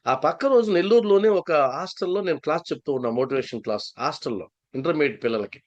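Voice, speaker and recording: A man's voice: a little high, expressive, fast talker, highs cut off. A man from Andhra Pradesh, a spiritual speaker and psychologist, telling a story in a satsang talk and repeating key phrases for stress.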